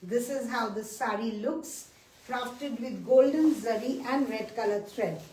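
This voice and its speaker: On a live stream, a woman sells sarees in a slow, enthusiastic sales presentation, mixing English and Hindi and repeating key points. Her voice is on the high side and mellow, coming from off-mic in an echoey room with faint room noise.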